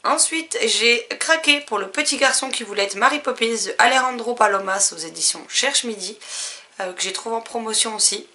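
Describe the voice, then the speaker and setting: A woman casually listing her new books, chatty and relaxed, with frequent fillers. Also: fairly high pitch, moderate pace. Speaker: book vlogger. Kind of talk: casual book haul chat.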